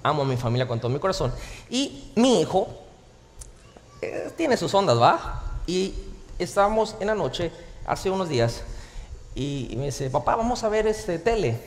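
Male pastor, lively high-pitched sermon delivery, playful humor, church hall with long reverb. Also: a little slow, pauses often. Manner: animated, joking preacher. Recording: reverberant hall, faint ambience.

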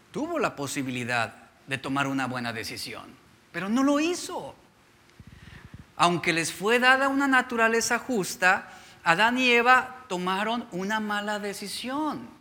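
A man's voice: sits high, bright, forceful tone. A male pastor preaching a sermon, asking the congregation rhetorical questions as he reads and explains scripture.

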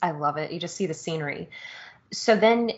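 A woman co-hosting a casual podcast, lively, describing game scenes and laughing easily. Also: lowish voice, moderate pace. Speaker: podcast co-host. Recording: dull lo-fi audio.

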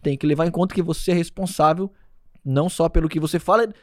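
A man speaks as a podcast guest, explaining and checking in with the listener. He talks quickly in a slightly high voice. The sound is dry and close. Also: steady tone, no room sound. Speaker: podcast guest, sales lead. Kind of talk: casual podcast chat.

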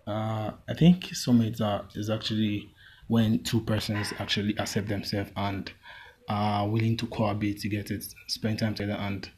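A man with a Nigerian accent and a husky voice, a podcast guest chatting in a laconic, hesitant way. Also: lowish voice, little pitch movement, normal speed, a little mellow, slight background noise. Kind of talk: casual chat.

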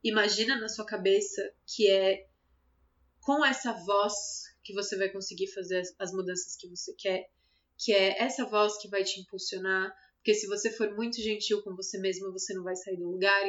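A woman with a Brazilian Portuguese accent, speaking gently and conversationally to her listener about self-compassion, laughing lightly now and then. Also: mid-range voice, steady tone, moderate pace. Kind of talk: motivational self-talk monologue. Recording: slightly dull lo-fi sound.

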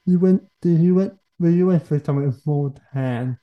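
A man hosting a casual podcast interview in halting, fragmented phrases. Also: a little high, narrow, tinny audio. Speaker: podcast host.

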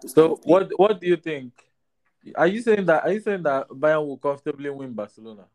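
A man's voice: a little high, fairly quick, a little mellow. A man in a casual sports discussion who often tags his phrases with a questioning "right?". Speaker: football podcast panelist.

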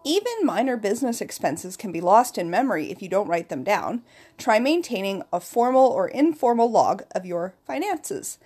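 Female advice vlogger: upbeat, orderly presenter delivery, animated intonation, fairly high pitch. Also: husky. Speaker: vlogger giving business tips. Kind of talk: scripted advice vlog.

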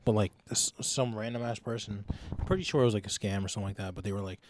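Fast-talking young man, teasing banter. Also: lowish voice, a little hiss or hum. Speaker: podcast co-host. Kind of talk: casual chat.

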